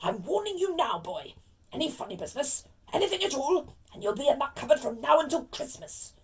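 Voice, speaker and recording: A woman's voice: high voice, sing-song, measured pace, far from the mic. A woman voicing a large, bullying middle-aged uncle in a storybook, with a weighty, threatening manner. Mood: menacing. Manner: menacing, weighty, forceful.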